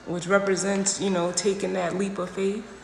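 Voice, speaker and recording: A woman's voice: medium pitch, level tone, moderate pace, creaky. Emphatic woman giving a tarot reading. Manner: emphatic, repeats phrases, slangy direct address. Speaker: tarot reader. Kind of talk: casual livestream tarot reading. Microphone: phone livestream. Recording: echoey room with long reverb, faint noise.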